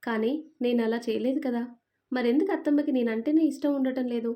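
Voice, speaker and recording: A woman's voice: fairly high pitch, fairly quick, warm tone, lightly acted. A woman voicing a patient, hurt young wife. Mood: tearful pleading.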